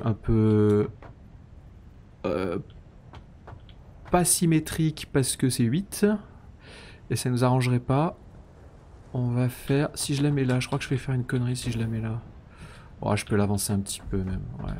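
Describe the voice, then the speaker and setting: A man in casual live-stream commentary at a middle pitch, talking half to himself as he places parts and counts them off. He keeps breaking into mock-pompous, self-ironic asides. A faint hiss sits under the voice. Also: warm tone. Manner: thinking aloud, counting and muttering while building. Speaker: streamer playing a factory-building game.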